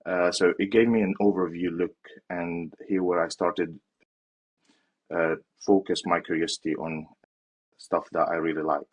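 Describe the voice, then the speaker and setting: A man's voice: low voice, steady tone, measured pace, husky, highs cut off. A young man from Syria answering interview questions in a hesitant way, with fillers and restarts. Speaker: interview guest.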